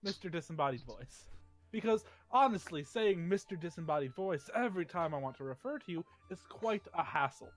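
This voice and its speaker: A man's voice: on the high side, animated, a little fast, faint music behind. A man playing a tabletop role-playing game, bantering in character in a playful, mock-formal way.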